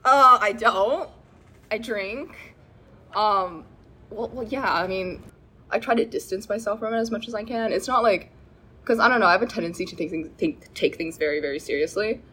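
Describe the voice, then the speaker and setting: A woman's voice: medium pitch, quick pace, a bit bright, breathy edge. A young woman guest on a podcast, rambling and self-deprecating in casual chat.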